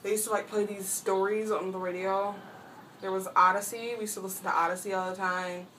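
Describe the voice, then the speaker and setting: A woman's voice: level tone, a little fast, fairly bright tone. A young woman vlogging from home, telling a long rambling story and saying "like" constantly. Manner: rambling, says "like" constantly, mimics friends in high voices. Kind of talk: casual storytelling. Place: at home, painting her toenails. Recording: distant mic, faint background hiss.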